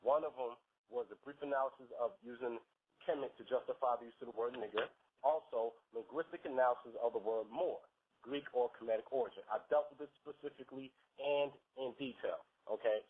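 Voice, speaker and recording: A man with a husky, mid-pitched voice explains a language question step by step. He pauses on "okay" between points. He is heard over a thin phone line. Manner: methodical, keeps saying okay. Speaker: guest language scholar. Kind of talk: explaining on call-in radio.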